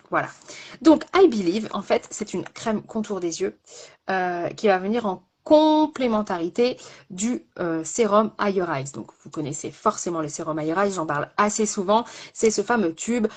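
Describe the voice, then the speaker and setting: A woman in a casual live-stream, a makeup artist presenting a product with many fillers and repeated words. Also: medium pitch.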